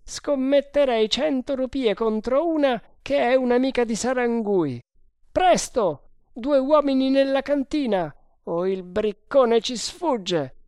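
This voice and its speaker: A woman voicing a barking guard captain, high and urgent. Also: lively intonation, takes it slowly, darkish tone, clean tone, no room sound, studio quality. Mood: commanding. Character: brash male guard captain, commanding.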